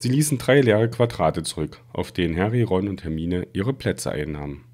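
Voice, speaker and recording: Deep-voiced man reading a story aloud. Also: moderate pace. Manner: steady storytelling. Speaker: reader.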